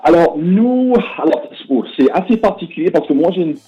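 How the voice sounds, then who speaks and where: A British man with a British English accent, a board game publisher, answers interview questions in French, with lots of fillers and restarts. His voice is a little high and animated, and he talks a little fast over soft background music. The audio is dull and lo-fi.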